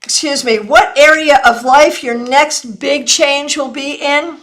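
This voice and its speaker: Woman, high voice, hiccuping, chatty live-stream tarot host who keeps saying sorry. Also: fairly even intonation, fairly bright tone, slight background noise. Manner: apologetic, chatty, quick answers to viewers. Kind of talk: casual live-stream readings.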